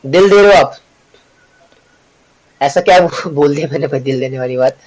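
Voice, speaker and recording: A man teaching a devotional scripture class in a chatty, joking way. He asks the class questions, answers them himself and clears his throat often. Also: on the high side, moderate pace, a little mellow, low-quality recording. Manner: joking, chatty, teasing the audience. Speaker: Bhagavad Gita class teacher.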